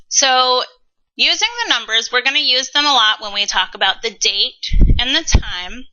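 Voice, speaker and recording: A woman in her thirties teaching a recorded Spanish lesson, modeling words slowly and carefully. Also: a little high, bright, forceful tone, lo-fi sound. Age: 30s.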